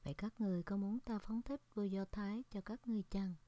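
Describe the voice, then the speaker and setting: A woman reading the part of a stern male Roman governor in a Scripture reading, measured and questioning. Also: mid-range voice, steady tone, mellow, no room sound, voice pushed up, lightly acted.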